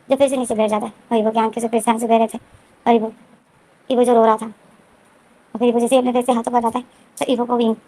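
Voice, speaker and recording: Fast, high-voiced woman retelling a story. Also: mellow, poor audio. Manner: repetitive, frequent restarts and fillers. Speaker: story explainer. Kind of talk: casual storytelling recap.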